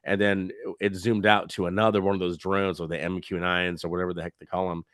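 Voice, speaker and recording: A man's voice: deep voice, little pitch movement, fast talker, a bit bright, clear, resonant tone, dry recording, studio quality. A man co-hosting a podcast, chatting casually and rambling with many fillers while recovering from covid. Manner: rambling, hesitant, lots of fillers. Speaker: podcast co-host. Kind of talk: casual reaction chat.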